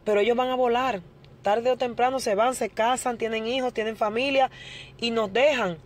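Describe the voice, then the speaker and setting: A woman's voice: on the high side, fairly even intonation, normal speed, slight background noise. A middle-aged woman giving an earnest testimony to a church congregation and addressing her listeners as brothers.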